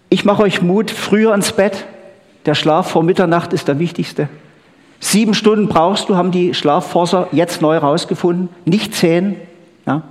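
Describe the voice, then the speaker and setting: A man preaching a chatty sermon, often checking in with the crowd with "gell?" and "ha?". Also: a little high. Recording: long hall reverb.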